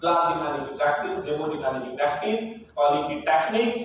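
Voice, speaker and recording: A man's voice: on the high side, lively intonation, quick pace, highs cut off. A man leading an interactive sales training seminar, talking emphatically and firing questions at his audience. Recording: echoey hall, voice from far off, faint noise.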